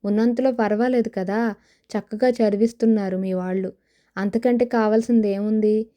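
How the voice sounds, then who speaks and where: A woman's voice: medium pitch, fairly even intonation, normal speed, mellow, lightly acted. A woman voicing a scheming young woman who coaxes her friend with persuasive talk, in an audio novel. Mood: coaxing. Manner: coaxing, persuasive.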